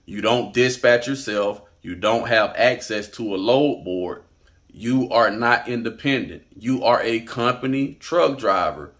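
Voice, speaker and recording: A man's voice: on the low side, a bit bright. A man hosting a trucking advice vlog, talking straight to camera in a blunt, emphatic way and repeating his points. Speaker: trucking channel host.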